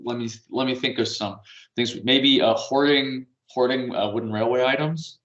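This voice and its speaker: Chatting at a moderate pace from home, a man with a medium-pitched, fairly bright voice meanders through podcast talk as co-host, letting out little chuckles. Roomy echo and dull audio mark the recording.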